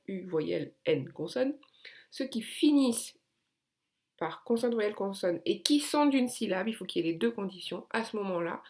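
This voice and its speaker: A woman walks learners through a grammar lesson, patient and clear, leaning on the words that matter. Her voice carries a gravelly, creaky edge at the bottom of her phrases. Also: medium pitch, a little mellow. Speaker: English teacher.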